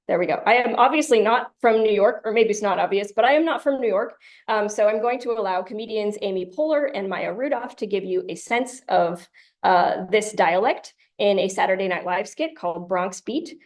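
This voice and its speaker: A woman's voice: mid-range voice, darkish tone. Woman giving an academic lecture. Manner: clear, explanatory, lightly humorous asides. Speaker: conference tutorial presenter.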